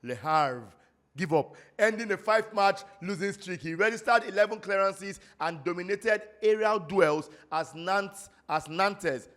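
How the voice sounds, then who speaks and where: A man's voice: high-pitched, a bit bright. A Nigerian man hosting a casual football roundup, chatty and stumbling over foreign names now and then, slipping into pidgin asides. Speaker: football show host.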